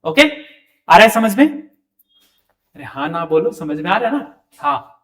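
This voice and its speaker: A man teaching French pronunciation in a classroom, explaining slowly and asking his students questions. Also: high-pitched, big pitch swings, distant mic. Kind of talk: classroom lesson.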